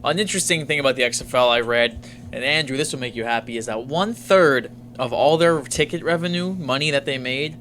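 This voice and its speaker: A man's voice: mid-range voice, brisk, a bit bright, slight background noise. A man hosting a sports podcast, leading the topics in an upbeat, casual way. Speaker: podcast host.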